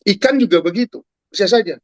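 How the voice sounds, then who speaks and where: A man in his forties speaks with a fairly high, lively voice. He addresses his audience directly, like a preacher. The call audio sounds dull and dry, with no room around it. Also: fast, no echo. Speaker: guest speaker. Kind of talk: talk to an online audience. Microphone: video call.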